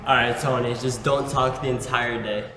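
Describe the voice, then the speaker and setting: A man's voice: medium pitch, fairly even intonation, normal speed, far from the mic, very noisy, close to an everyday voice. A young man playing a teasing teenage friend who talks in slang and laughs. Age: teens. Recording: echoey room with music.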